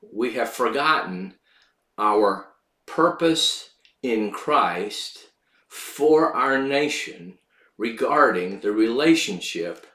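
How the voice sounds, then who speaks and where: A man hosting a podcast, giving measured spoken commentary on law and religion; his voice sounds tinny and hollow, as if he is talking inside a tin can. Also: fairly low pitch, fairly bright tone, echoey room. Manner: measured, lecturing delivery with occasional filler words. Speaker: podcast host. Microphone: makeshift sound system instead of his usual microphone.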